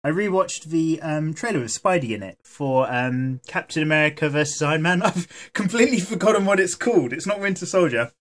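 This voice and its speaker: A man chatting casually while he draws, rambling and swearing freely as he goes, with a voice that is going hoarse. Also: on the high side, lively intonation, fairly quick, hardly any pauses, a bit bright. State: losing his voice. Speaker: art vlogger. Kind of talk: casual chat while drawing.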